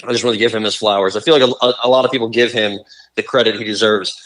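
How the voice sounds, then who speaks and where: A man's voice: fairly low pitch, steady tone, rapid-fire, a bit bright, rough recording. A young man co-hosting a casual sports podcast, talking bluntly and profanely in long rants. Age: young adult. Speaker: podcast co-host.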